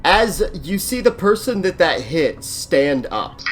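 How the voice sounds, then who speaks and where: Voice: medium pitch, very animated, takes it slowly, soft background music. Swearing, rambling game master. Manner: rambling, swearing, frequent restarts. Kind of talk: narrating a tabletop game.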